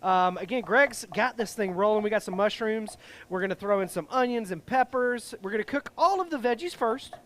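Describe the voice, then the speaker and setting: Jolly, loud barbecue-dad show host, man. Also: high-pitched, brisk, a little hiss or hum. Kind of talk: casual outdoor cooking show chat.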